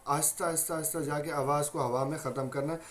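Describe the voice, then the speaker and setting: A man's voice: fairly high pitch, fairly even intonation, fast talker, fairly bright tone. A man with a Pakistani Urdu accent teaching a Quran recitation lesson, patiently repeating each point and saying letters aloud as examples.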